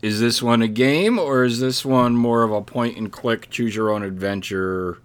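A man's voice: mid-range voice, normal speed, clear, resonant tone. A man hosting a podcast, chatting casually and joking with his co-host. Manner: bright, jokey, theatrical intros.

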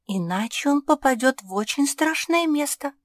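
Josie, a woman voicing a high anxious pug. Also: lively intonation, moderate pace, dry recording, studio quality. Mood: anxious pleading. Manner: high, urgent and pleading. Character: anxious little female pug, eager and pleading.

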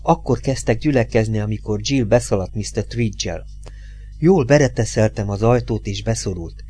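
A man voicing a frightened farmer's wife in an audiobook, speaking in a hushed, shaken tone. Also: fairly low pitch, lightly acted.

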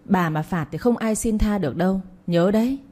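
A woman's voice: medium pitch, a little fast, warm tone, natural voice. A woman voicing a stern older matriarch who lectures her daughter-in-law and maid.

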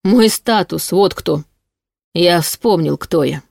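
A woman reading an audiobook voices an arrogant, short-tempered male high demon who growls and snaps his lines. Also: a little slow, vocal fry, darkish tone, no echo, clean studio sound. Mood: irritated growl. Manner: growling, snapping.

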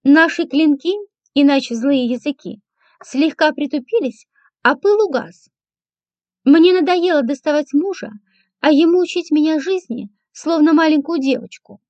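High-voiced woman reading an audiobook. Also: darkish tone, dry recording. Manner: dry, measured, crisp. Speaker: audiobook narrator. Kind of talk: first-person audiobook narration. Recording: dull lo-fi, dry.

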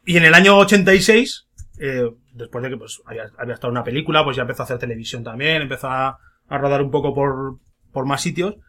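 A man's voice: medium pitch, fast, sharp tone. A man from hosting a casual film podcast, joking as he tells a story and putting on silly voices for quotes. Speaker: podcast host.

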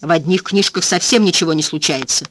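A reader with a medium-pitched, husky voice close to everyday speech goes fairly quickly, voicing a blunt, foul-mouthed woman cleaner. In a ranting mood, the character exclaims and rants in plain, folksy speech.

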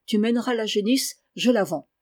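A woman reading aloud the part of a gruff, repentant farmer father in a classic storybook. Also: medium pitch, expressive, moderate pace, a little mellow, natural voice.

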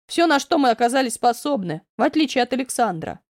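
A woman's voice: a little high, very animated, quick pace. A woman voicing a wry, protective young man who speaks dryly and bluntly.

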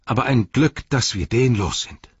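A man's voice: mid-range voice, animated, moderate pace, slightly rough, dry recording, voice pushed up. A man voicing a blunt, plain-spoken hobbit servant, in a dry, slightly dull recording. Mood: shaken.

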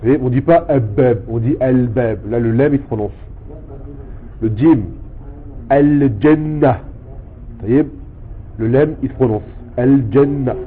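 Patient male teacher, tinny line. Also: medium pitch. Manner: patient, step-by-step, repeats words slowly. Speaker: Arabic teacher. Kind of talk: explaining a language lesson. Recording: tinny phone-like sound with faint noise.

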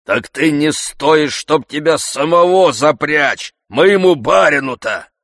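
A man voicing a grumpy old male servant who wheezes hoarsely and scolds hotly. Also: fairly high pitch, lively intonation, no echo, clean studio sound, voice pushed up, heavily acted. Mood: scolding. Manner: heated, scolding, quick to shout.

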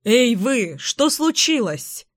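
A cheerful chimney sweep, read by a woman, talks calmly and kindly, trying to settle a quarrel. His lines come slowly and evenly. The sound is dry and close. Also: on the high side, no room sound, pitched above the performer's own voice. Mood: calling. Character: friendly cheerful adult male chimney sweep.

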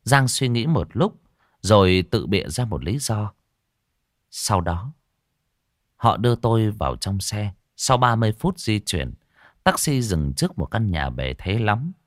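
A man narrating a horror story in a dramatic, expressive way. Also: lowish voice, measured pace, no room sound, studio quality.

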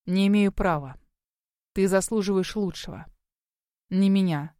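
A woman's voice: medium pitch, a little slow, mellow, no echo, clean studio sound, close to an everyday voice. A woman reading an audiobook voices a brooding young male werewolf who speaks in clipped, muttered lines through his teeth. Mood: curt.

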